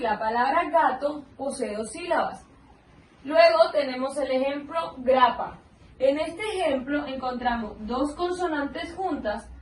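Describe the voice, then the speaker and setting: Woman teacher, high and unhurried, spells syllables out patiently; roomy, distant recording with faint hiss. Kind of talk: slow explanatory lesson. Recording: roomy echo, mic at a distance, faint background noise.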